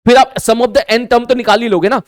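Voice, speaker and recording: A male teacher giving an online maths lesson in a lively way, slowing down to spell out terms and answering his own questions in his students' voices. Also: very high-pitched, no room sound, studio quality.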